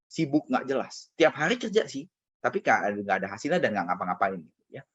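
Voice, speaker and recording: A man's voice: medium pitch, very animated, brisk, a bit bright, breathy edge. A man giving a casual motivational talk to colleagues, telling a personal story with lots of conversational fillers. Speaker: motivational speaker. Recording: dull lo-fi recording.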